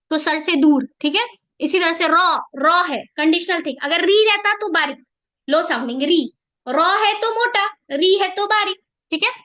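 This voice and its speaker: A woman's voice: very high voice, sharp tone. A woman teaching Quran reading at a workshop, explaining steps and chanting syllables in singsong rhymes. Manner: explaining with frequent "theek hai" checks. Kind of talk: teacher training workshop lesson.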